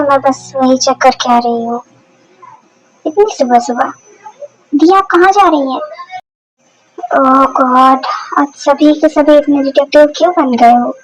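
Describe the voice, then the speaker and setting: A woman's voice: sits high, slight background noise, low-quality recording. A woman voicing a hot-tempered young mafia boss who scolds sharply, in a Hindi dubbed fan story.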